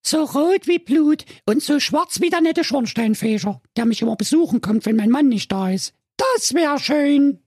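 Male narrator as a gentle, wistful woman doctor; high sing-song falsetto. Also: animated, moderate pace, hardly any pauses, no echo, clean studio sound. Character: sweet-natured woman pediatrician, wistful.

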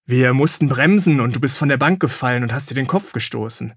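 A man voicing a calm, wry hero father in a storybook, speaking softly and dryly. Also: medium pitch, brisk, husky, dry recording, clean studio sound. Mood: explaining.

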